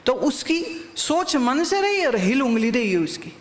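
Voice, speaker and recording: A woman's voice: high voice, sing-song, measured pace, reverberant, big-room sound. A woman spiritual teacher giving a satsang discourse, teaching through anecdotes and rhetorical questions.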